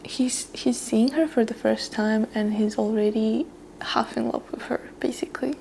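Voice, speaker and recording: A woman's voice: a little high, steady tone, normal speed, vocal fry, a little mellow, a little hiss or hum. A young woman chatting casually on camera as she reads a romance novel, retelling the characters' lines in a chatty way and laughing often. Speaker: book vlogger. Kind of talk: casual read-along commentary.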